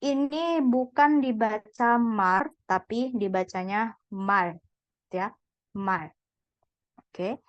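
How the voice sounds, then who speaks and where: A woman's voice: a little high, slow, long pauses, darkish tone, no echo, muffled recording. A woman teaching a Korean lesson, patiently repeating and drilling each syllable. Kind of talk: online language lesson.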